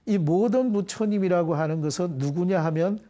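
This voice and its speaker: A middle-aged man leading a Buddhist prayer and explaining scripture terms to a class in a deliberate, measured way. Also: sits high, dark tone. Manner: deliberate, measured, leads call-and-response repetition. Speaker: Buddhist dharma teacher. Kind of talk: devotional prayer and explanatory dharma lecture.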